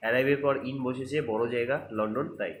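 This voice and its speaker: Bengali accented guy going thru grammar errors, slow careful reading, roomy echo, faint hum behind. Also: medium pitch, steady tone. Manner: explains step by step, reads sentences out slowly, asks rhetorical checks. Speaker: English grammar teacher. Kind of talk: online grammar lesson. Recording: echoey room with faint ambience.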